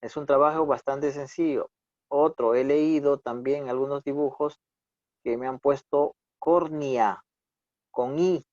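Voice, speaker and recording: A man with a Peruvian Spanish accent teaching an online class, patiently correcting his students and tagging his sentences with quick checks. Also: medium pitch, steady tone, a little mellow, no room sound. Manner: corrective, patient, repeats "¿no?" often. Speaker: instructor. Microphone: computer mic on a video call. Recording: dull dry video-call audio.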